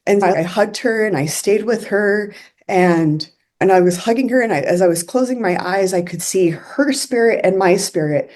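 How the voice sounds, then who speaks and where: Telling a personal story in an earnest, confiding way, this young woman speaks at a moderate pace in a mid-range, darkish voice. Her casual, chatty delivery is packed with fillers such as "like" and "I'm like."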